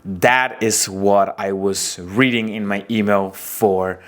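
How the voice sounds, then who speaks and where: A man in his twenties with an Aruban accent, a wedding photographer telling his story and giving business advice in a casual talking-head episode, animated and expressive. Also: slow pace. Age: 20s. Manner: animated, expressive storytelling with big pitch swings.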